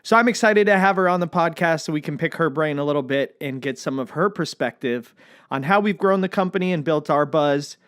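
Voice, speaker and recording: A man hosting a podcast, talking in a relaxed, chatty way with frequent ums. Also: on the high side, a little fast, clean tone, dry recording, studio quality. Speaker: podcast host. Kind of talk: casual podcast chat.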